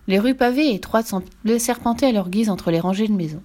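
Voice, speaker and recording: A woman narrating a children's storybook in an expressive, lively reading. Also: mid-range voice, a little fast. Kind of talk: storybook read-aloud.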